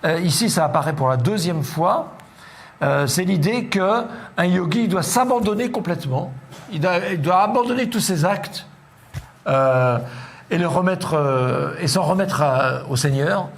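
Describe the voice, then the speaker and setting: A man's voice: fairly high pitch, lively intonation, unhurried, vocal fry. A middle-aged man lecturing on philosophy to an audience, explaining step by step with frequent hesitations and asides.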